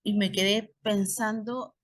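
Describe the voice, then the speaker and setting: A middle-aged woman with a Peruvian Spanish accent lectures on obstetrics in an online course. She talks conversationally, leaning on tag questions and stories from her practice, at an ordinary pitch for a woman. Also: fairly even intonation, slow. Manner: conversational, shares clinical anecdotes, frequent tag questions.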